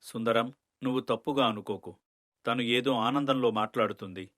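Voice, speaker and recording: A man voicing a calm, dry-witted male alien in an animated story, wry and level-headed. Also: medium pitch, normal speed, dry recording, lightly acted. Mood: friendly. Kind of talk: storybook cartoon voice acting.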